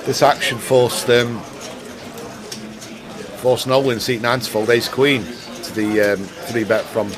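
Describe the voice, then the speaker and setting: A man's voice: mid-range voice, fairly even intonation, takes it slowly, pauses often. A man giving live poker commentary with casual banter, a busy crowd audible behind him. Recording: crowd noise, busy public tournament room. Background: crowd murmur.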